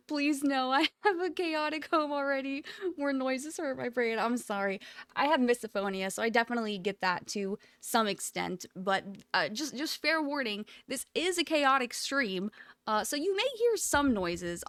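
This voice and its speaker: A woman with a fairly high voice chats on a livestream, close to the microphone in a dry space. Her talk is informal and rambling, with an affectionate, giggly manner that suits an easygoing chat with viewers. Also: no room sound. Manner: giggly, frequently breaking into loud laughter. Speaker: live streamer. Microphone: close USB microphone.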